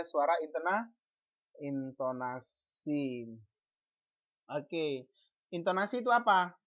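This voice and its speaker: Teacher over a video call, slow measured delivery, muffled lo-fi audio, quizzes the class, stumbles and repeats syllables. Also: mid-range voice. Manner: asks the class questions and answers them; frequent false starts and repeated syllables. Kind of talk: online class lecture.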